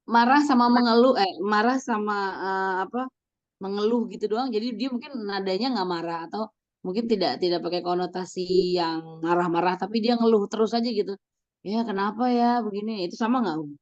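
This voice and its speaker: A woman's voice: mid-range voice, fairly quick, no room sound. A woman in a study group asking the teacher questions, hesitant and searching for words. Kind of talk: asking questions in casual chat. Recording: dull dry lo-fi recording.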